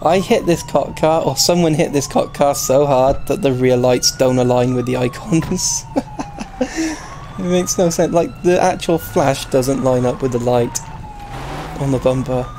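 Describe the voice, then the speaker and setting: A man's voice: mid-range voice, measured pace, dark tone, a little hiss or hum. A man streaming a roleplay game, chatting casually and laughing often. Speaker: streamer playing a roleplay server. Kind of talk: casual gaming chat.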